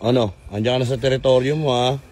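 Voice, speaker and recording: A man's voice: medium pitch, fairly even intonation, fast, darkish tone, a little hiss or hum. Playful man vlogging outdoors. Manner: playful, teasing animals with laughs and calls. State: out of breath at times. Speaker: motovlogger. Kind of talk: casual vlog narration to camera. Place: outdoors at an animal park.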